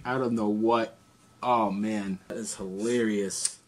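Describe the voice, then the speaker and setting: A man's voice: fairly low pitch, slow pace, a little hiss or hum. A man in his thirties chatting casually and playfully as he hosts a challenge video at home, picked up by a camera across a table. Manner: excitable, playful. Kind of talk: casual joking vlog chat. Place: small home room, indoors.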